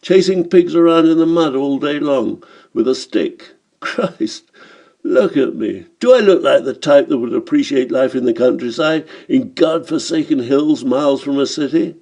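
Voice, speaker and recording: A man's voice: mid-range voice, lively intonation, moderate pace, mellow. A man voicing a boastful, sly middle-aged German swindler in an audiobook story, talking with a chuckle.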